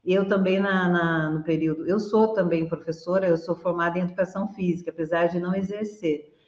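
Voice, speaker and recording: A woman hosting an interview over a video call, effusive and quick to laugh. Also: lowish voice, steady tone, a little mellow. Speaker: host. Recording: roomy, dull lo-fi video call audio.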